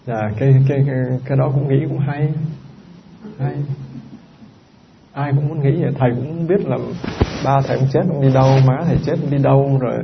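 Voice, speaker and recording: Male monk, gravelly mid voice, chatty sermon that quizzes the crowd, dull lo-fi recording. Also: medium pitch, steady tone, a little fast, pauses often, background noise. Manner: conversational, often quizzes the listeners, repeats points. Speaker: Buddhist monk teacher. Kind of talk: Dharma talk to a live audience. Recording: dull lo-fi recording with faint background ambience.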